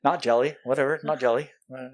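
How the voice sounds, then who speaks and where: A man's voice: mid-range voice, fairly even intonation, fast. A man hosting a podcast in a casual, playful chat with guests. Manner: playful, joking. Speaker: podcast host.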